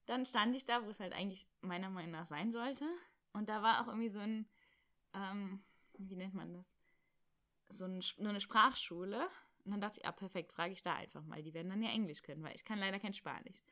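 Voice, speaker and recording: A young woman casually telling a story about her travels, animated and acting out bits of dialogue. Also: medium pitch, a little fast. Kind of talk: casual chat.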